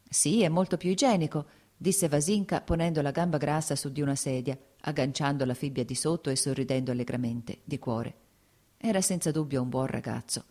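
A woman narrating a classic novel as an audiobook, in a measured literary reading. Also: low-pitched, mellow.

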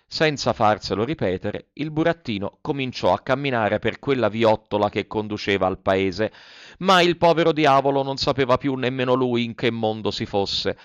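A man's voice: mid-range voice, moderate pace, clear, resonant tone, no room sound. A man narrating a classic tale as an audiobook, telling it expressively. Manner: expressive storytelling, voices the characters. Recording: dry, slightly dull recording.

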